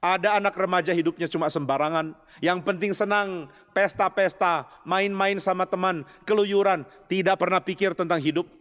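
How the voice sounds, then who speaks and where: A man's voice: sits high, steady tone, normal speed, fairly bright tone, clean tone, in a large hall. A man, a pastor, preaching a storytelling sermon in a chapel, acting out the voices of the people he describes.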